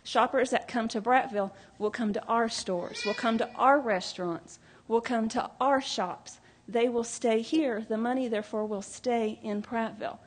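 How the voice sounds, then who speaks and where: A woman's voice: on the high side, normal speed, few pauses, a little hiss or hum. A nervous woman addressing a city council during public comment, earnest and stumbling over a few words. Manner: earnest, a few slips and restarts.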